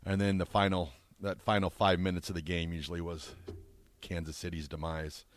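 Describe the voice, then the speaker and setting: A man's voice: low-pitched, flat delivery, fairly quick, a little hiss or hum. A man co-hosting a radio show with casual sports banter. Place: radio studio.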